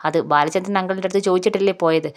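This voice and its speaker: A woman's voice: fairly low pitch, steady tone, racing, close to an everyday voice. A woman voicing an irritated young man who defends his fiancée against his aunt. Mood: annoyed. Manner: protesting, exasperated.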